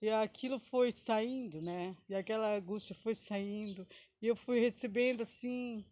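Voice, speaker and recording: A woman's voice: on the high side, measured pace, warm tone, dry recording. A woman giving an emotional personal testimony, rambling, often adding tag questions and breaking into short praise exclamations.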